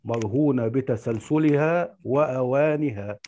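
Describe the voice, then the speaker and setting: A man reading in the measured, formal style of a storyteller narrating a classical Arabic tale. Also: mid-range voice, dark tone, highs cut off. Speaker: actor reading the storyteller part at a play reading.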